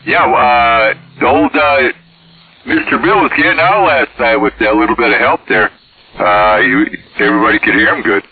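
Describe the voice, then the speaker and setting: This CB radio operator has a creaky, sing-song mid-range voice and talks at a normal speed. His casual, hesitant, folksy chat comes through as a tinny, band-limited radio transmission.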